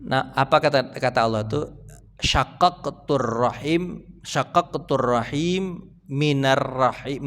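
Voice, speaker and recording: A man's voice: fairly high pitch, a bit bright. A man giving a casual religious study talk at a mosque, chatting with the congregation, asking them questions and acting out family dialogue. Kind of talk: casual sermon. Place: mosque hall. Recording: long reverb of a mosque hall.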